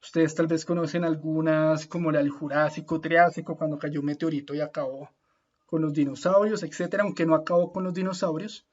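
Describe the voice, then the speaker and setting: A man gives an easygoing online lecture in a slightly high voice. He talks patiently, pausing to make sure everyone follows and drawing out the hard Latin names. His voice comes through muffled video call audio. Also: little pitch movement, darkish tone. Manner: friendly, patient, often checks in with "¿listo?"; slows down to spell out Latin names. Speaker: speaker at an online talk. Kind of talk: informal lecture.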